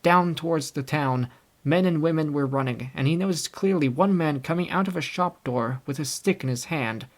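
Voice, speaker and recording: A man's voice: a little high, normal speed. Young man narrating an audiobook. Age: young adult. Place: home recording setup.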